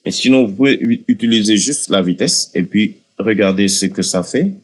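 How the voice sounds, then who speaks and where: Low-voiced man guiding a software tutorial. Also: normal speed, breathy edge. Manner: hesitant, many fillers and restarts, addresses viewers directly. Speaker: tutorial host. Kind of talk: casual screen-recording tutorial.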